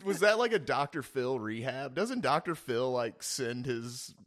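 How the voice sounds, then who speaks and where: A man's voice: mid-range voice, big pitch swings, unhurried, fairly bright tone. A young man co-hosting a casual sports podcast, rambling with fillers and laughing often. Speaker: podcast co-host. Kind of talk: casual chat.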